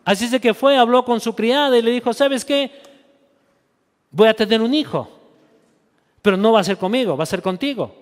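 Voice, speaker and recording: A man's voice: very high-pitched, moderate pace, pauses often. A man preaching a sermon with passion, acting out quoted voices and restarting often. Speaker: pastor. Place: church. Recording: long reverb of a church hall.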